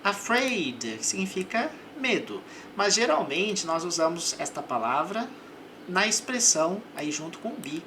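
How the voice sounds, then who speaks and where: A woman's voice: fairly low pitch, big pitch swings, a little slow, background noise. A woman gives a patient vocabulary lesson, repeating each word and example. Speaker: English teacher. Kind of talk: slow, methodical vocabulary lesson.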